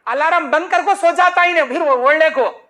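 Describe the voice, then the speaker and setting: A man's voice: extremely high pitch, brisk, bright, forceful tone. A male preacher giving an emphatic, repetitive sermon and acting out the people he talks about.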